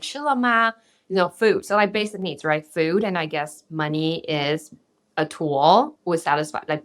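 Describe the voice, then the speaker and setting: Podcast co-host: a woman, lower pitched, who explains customs calmly with words mixed in. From central Taiwan. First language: Mandarin. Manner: explains thoughtfully, slips Mandarin terms into English. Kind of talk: casual chat.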